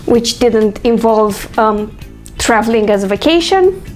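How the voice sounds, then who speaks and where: Vlogger, female, fairly high voice, conversational and reflective, soft music behind. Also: animated, a little slow. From Romania. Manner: thoughtful, chatty, with frequent fillers. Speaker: author and vlogger. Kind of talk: casual talking-head vlog.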